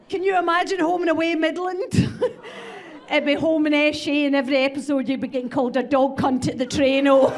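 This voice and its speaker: A Scottish woman in her forties doing a blunt, crude stand-up set. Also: high voice. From Scotland. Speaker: stand-up comedian.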